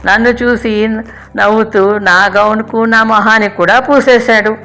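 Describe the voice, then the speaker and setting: An older woman reading her childhood memories aloud in a calm, measured way. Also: a little high. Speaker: storyteller. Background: faint music.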